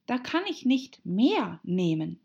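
A woman's voice: high-pitched, big pitch swings, normal speed, warm tone, breathy edge, highs cut off, pitched above the performer's own voice, full character voice. A woman voicing a curious, polite young girl with an earnest, questioning way of speaking. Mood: irritated. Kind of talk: audiobook character voice.

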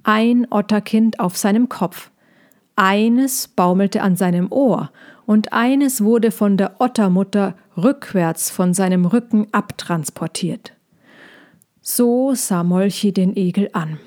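A woman narrating a children's storybook in a calm, measured way. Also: mid-range voice. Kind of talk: storybook reading.

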